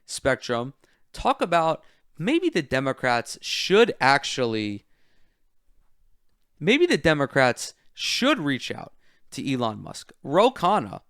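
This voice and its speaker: A man's voice: medium pitch, wildly swooping pitch, takes it slowly, no room sound, clean studio sound. A man hosting a political commentary show, ranting in a heated, profane way. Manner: heated, profane, loud outbursts.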